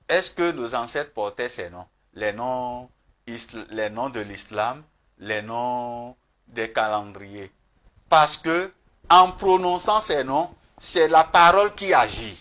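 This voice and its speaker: Speaking in a medium-pitched voice with a sharp edge, a man appears on a TV talk show as a traditional spiritual guest. He's earnest and emphatic, stopping and restarting as he talks.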